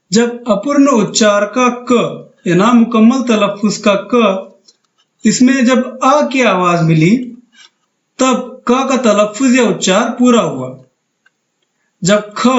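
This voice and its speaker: A man's voice: high voice, reverberant, dull audio. A man teaching a grammar lesson over slides, patient and methodical, repeating each term with synonyms.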